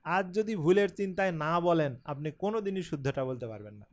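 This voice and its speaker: High-voiced Bangladeshi man teaching English. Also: lively intonation. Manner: earnest, encouraging, explains slowly with pauses. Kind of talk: pronunciation lesson.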